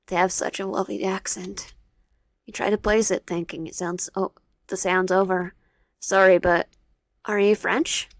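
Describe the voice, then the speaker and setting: A woman's voice: medium pitch, fairly bright tone, no echo, studio quality. A woman reading a visual novel fan game aloud, stumbling and restarting words and breaking off into chatty asides. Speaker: gameplay narrator.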